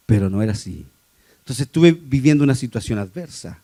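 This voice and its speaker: A man preaching a sermon to his congregation, moving between quiet personal testimony and raised, emphatic exhortation. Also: mid-range voice, big pitch swings, moderate pace. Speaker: lay preacher.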